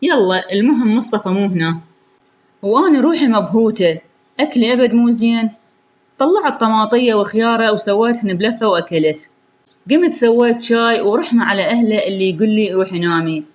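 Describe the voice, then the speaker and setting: A woman's voice: fairly high pitch, a little fast, muffled recording. A woman with an Iraqi accent telling a sorrowful story in the first person, in an intimate way.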